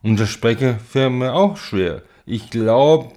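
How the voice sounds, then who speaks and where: A man voicing a frightened man who is losing control of his body, speaking slowly and haltingly. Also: medium pitch, sing-song, a little mellow. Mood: anxious, slow. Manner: slow, halting, strained speech.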